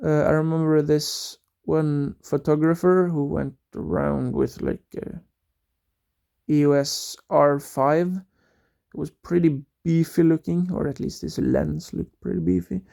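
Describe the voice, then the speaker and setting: A young man with a somewhat high but dark, mellow voice tells a casual, wandering story. His delivery is unhurried and hesitant, packed with fillers and false starts. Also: steady tone, creaky. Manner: rambling, hesitant, full of fillers and restarts. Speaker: vlogger.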